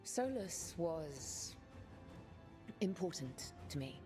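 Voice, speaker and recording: A woman's voice: sits low, very animated, full character voice. An actress voicing the Inquisitor, a seasoned woman leader who speaks earnestly and falters when moved, in a fantasy game over music. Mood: wistful. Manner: earnest, halting when emotional. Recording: game audio with music underneath.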